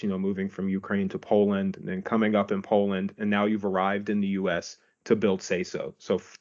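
A man hosting a podcast, introducing a guest and asking relaxed, friendly questions. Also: on the low side, dull audio. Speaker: podcast host.

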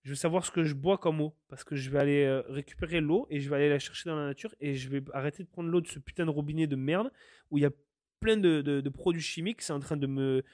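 A man from France talks on his podcast in a heated, rambling monologue that trips over repeated words and slips in curses. His voice sits a little high for a man. The sound is close and dry. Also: fast, a little mellow, dry recording. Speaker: podcast host. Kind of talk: casual monologue. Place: living in Canada.

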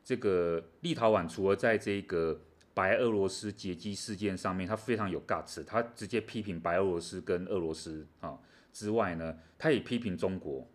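A man's voice: low voice, normal speed. A man co-hosting a casual chat on world affairs, explaining things animatedly with many fillers. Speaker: co-host.

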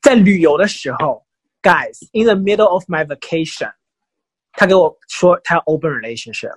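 A man's voice: high-pitched, moderate pace, slightly rough, no room sound. A man co-hosting a podcast, telling gossipy stories in casual chat, mixing in English phrases. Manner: animated, gossipy storytelling mixing Chinese and English. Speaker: podcast co-host.

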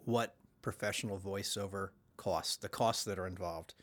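A man's voice: low-pitched, moderate pace, fairly bright tone. A man hosting a casual interview, upbeat, laughing often and asking eager questions. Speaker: interview host.

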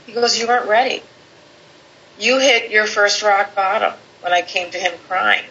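A woman guest telling a personal story in conversation, animated, quoting people in lively voices. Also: mid-range voice, normal speed. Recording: slightly dull lo-fi audio with faint background hiss.

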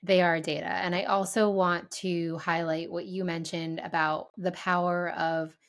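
Woman, energy-healer co-host, lowish voice, giggly, spiritual, conversational. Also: little pitch movement, unhurried. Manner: laughs often, spiritual wording. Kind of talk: casual podcast chat.

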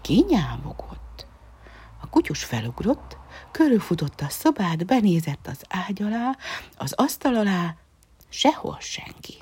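A woman reading a children's story aloud, softly and often half-whispering. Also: medium pitch, sing-song, breathy edge.

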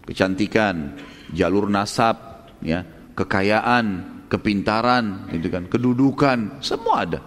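A man's voice: fairly low pitch, animated, slow pace, in a large hall, pitched below the performer's own voice. Persuasive female matchmaker, as a preacher puts her on. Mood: coaxing. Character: woman matchmaker, persuasive and eager.

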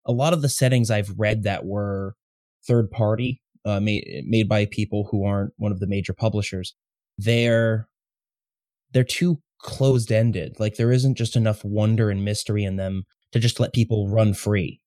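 A man hosting a podcast, chatting casually and eagerly in quick bursts. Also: lowish voice, fairly even intonation, warm tone, no room sound, studio quality. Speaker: podcast host.

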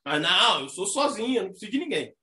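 A man with a Brazilian Portuguese accent hosting a casual astrology chat, talking in a slangy, animated way and mimicking the people he describes. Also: high-pitched, fast talker. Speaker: astrology talk host. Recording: echoey room.

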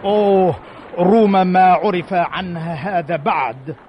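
An actor in an old Arabic radio drama playing a wry, authoritative ancient commander, speaking in measured formal lines. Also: male voice, high-pitched, steady tone. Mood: pensive. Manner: measured formal delivery, dryly witty. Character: calm, wry, authoritative male Carthaginian army commander. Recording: muffled, hissy old radio recording.

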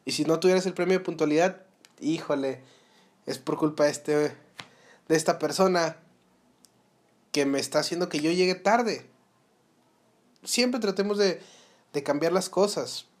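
Young Mexican male podcast host, earnest and advising, slightly higher pitch, rhetorical questions. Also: measured pace, long pauses. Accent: Mexican Spanish. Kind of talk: motivational solo podcast talk.

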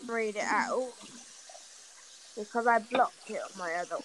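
A woman's voice: mid-range voice, a little slow, heavy background noise. A woman chatting casually as a podcast co-host, with a blunt, bantering manner. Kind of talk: casual chat.

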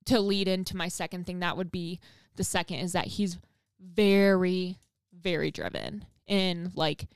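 A young woman chats with a close friend, filling her talk with "like" and the odd swear word. Her voice is clear and smooth. The sound is dry and close, with no room around it. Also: fairly low pitch, unhurried, no room sound. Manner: chatty, says "like" often, swears freely. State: expecting a baby. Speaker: podcast co-host. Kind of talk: casual chat between friends.

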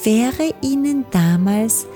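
A woman narrating a children's audiobook in a calm, gentle storytelling manner. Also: on the high side, slow pace, music in the background.

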